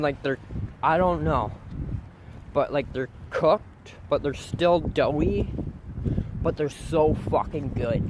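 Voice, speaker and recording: A man's voice: a little high, heavy background noise. A man chatting casually as a streamer, rambling in a blunt, profane, meandering way. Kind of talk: casual rambling livestream chat.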